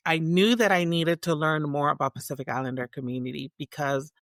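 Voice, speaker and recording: A woman's voice: low-pitched, steady tone, fairly quick, a bit bright, no echo. Reflective Tongan-born woman, dry sound. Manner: reflective, many restarts and fillers. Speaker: guest. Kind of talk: casual interview conversation.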